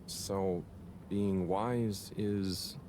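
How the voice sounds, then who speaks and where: A man's voice: deep voice, fairly even intonation, drawn-out words. An actor voicing Harold, an earnest, awkward young man who talks hesitantly, with ambient noise behind him. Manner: hesitant, mumbling, self-conscious. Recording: game audio with ambient noise.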